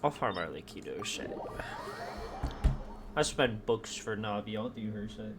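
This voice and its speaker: A game streamer with a fairly low, animated voice mutters short phrases to himself at a measured pace while playing. The very noisy recording carries video game music and effects under his casual commentary.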